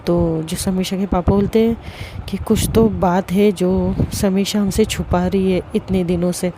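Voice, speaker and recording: A young woman narrating a serialized love story slowly and deliberately, often restarting her words. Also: on the low side, fairly even intonation, noisy background. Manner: slow, deliberate, with frequent restarts.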